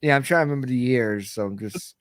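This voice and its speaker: A man's voice: mid-range voice, fast talker, clean tone, dry recording, studio quality. A man co-hosting a wrestling podcast in casual chat, joking, laughing often and thinking aloud. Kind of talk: casual chat on a live stream.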